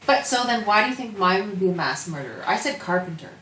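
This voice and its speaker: A woman guest on a podcast, chatting casually with teasing, deadpan jokes. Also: mid-range voice, fast talker, roomy sound, distant mic, a little hiss or hum, rough recording. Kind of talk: casual chat.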